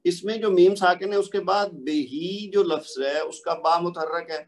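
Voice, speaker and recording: A man teaching Quran recitation rules in a recorded online lesson, explaining patiently step by step and slowly reciting the examples. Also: high-pitched.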